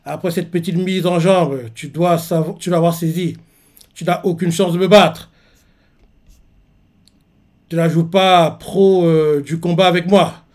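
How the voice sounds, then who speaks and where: A man's voice: high voice, unhurried, pauses often. A man reading a cold, haughty male villain's lines from a manga, close to his own voice. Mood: cold calm. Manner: reads the lines flat, near his own voice.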